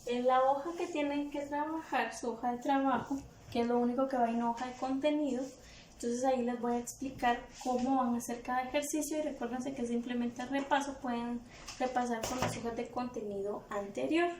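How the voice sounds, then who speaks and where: A woman teacher with a Guatemalan Spanish accent speaks in a slightly high voice, walking young pupils patiently through a review lesson. The room is echoey, with a faint hum of background noise. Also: steady tone, a little fast, darkish tone, recorded from a distance. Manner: patient, explains step by step to pupils. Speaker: primary school teacher. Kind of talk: recorded remote review lesson for children.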